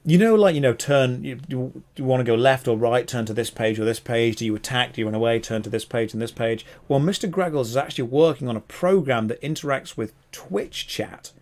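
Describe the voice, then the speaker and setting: A man's voice: mid-range voice, brisk, few pauses, a little mellow. A man co-hosting a casual podcast, talking enthusiastically and wandering off on tangents. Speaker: podcast co-host.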